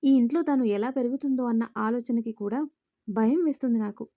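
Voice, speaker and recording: A woman's voice: a little high, a little fast, mellow, no room sound. A woman voicing an earnest, outspoken young woman who speaks up firmly for a little girl in a spoken storybook.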